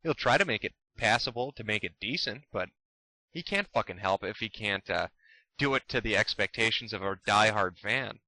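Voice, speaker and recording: A man's voice: on the low side, animated, moderate pace, pushed and bright, no room sound, rough recording. Heated, profane man ranting. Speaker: commentary host. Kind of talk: ranting commentary.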